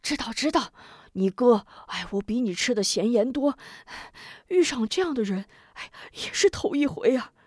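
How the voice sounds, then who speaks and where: A woman voicing a worldly older male bandit who keeps scolding his slow companion in exasperation. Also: fairly high pitch, animated, darkish tone, no room sound, clean studio sound, voice pushed up. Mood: exasperated.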